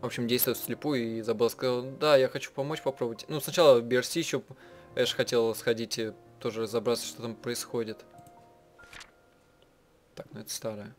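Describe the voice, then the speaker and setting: Speaking at a medium pitch with fairly even intonation, this gamer voices and translates a visual novel, making offhand comments and frequently stopping to reword things. The game's music runs in the background.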